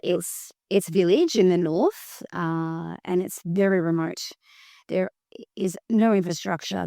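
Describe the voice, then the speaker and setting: Woman, podcast co-host, lowish voice, dry sound. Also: mellow, no room sound. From Australia. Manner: reflective, personal, stumbles at times. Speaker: podcast co-host, business partner. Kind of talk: casual podcast chat.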